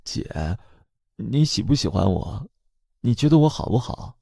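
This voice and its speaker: A man's voice: sing-song, unhurried, dark tone, husky, no echo, clean studio sound, heavily acted. A man voicing an anxious grown woman who begs her family for love, pleading and tearful. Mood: needy. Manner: pleading, tearful, high-pitched.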